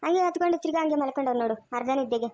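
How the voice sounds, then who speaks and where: A woman with a high voice and a Chikkaballapur Kannada accent plays out a homemade family drama. She rattles off fast, scolding village talk. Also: warm tone. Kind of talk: amateur family drama acting.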